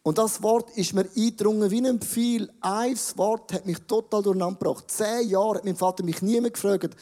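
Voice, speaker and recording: A man's voice: high-pitched, fairly even intonation, normal speed, mellow. A middle-aged man with a Swiss German accent, preaching a sermon and speaking directly and emphatically to the congregation. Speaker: pastor.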